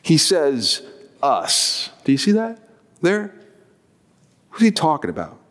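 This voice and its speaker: A man's voice: a little high, huge pitch swings, unhurried, in a large hall. A man preaching a sermon, explaining scripture conversationally with personal asides. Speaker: pastor.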